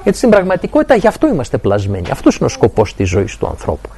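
A middle-aged man giving a personal faith testimony, telling his story with animated storytelling. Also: mid-range voice. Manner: animated storytelling, acting out dialogue.

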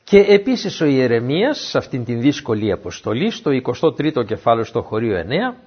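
A man giving a Bible teaching talk, a lively storyteller who asks his listeners questions. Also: medium pitch, breathy edge. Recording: dull, muffled lo-fi recording.

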